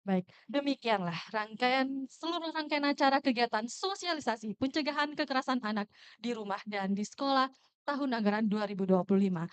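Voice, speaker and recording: A woman's voice: fairly high pitch, expressive, a little fast, smooth. A woman working as an event emcee, giving polite, formal announcements into a microphone at a ballroom event.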